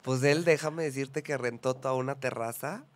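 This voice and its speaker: A man's voice: medium pitch, moderate pace. A young man with a Mexican accent, a podcast guest telling his story in a playful, camp, dramatic way. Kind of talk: casual storytelling chat.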